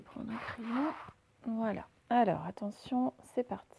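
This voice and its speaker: Woman teacher, phonics lesson; slightly high, fry-edged voice, slow and deliberate, quizzing the class. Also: mellow. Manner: slow and deliberate, sounding out letters and quizzing listeners.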